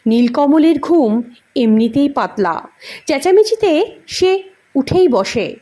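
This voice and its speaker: High, animated woman storyteller. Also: slow pace. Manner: expressive, animated reading. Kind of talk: storytelling narration.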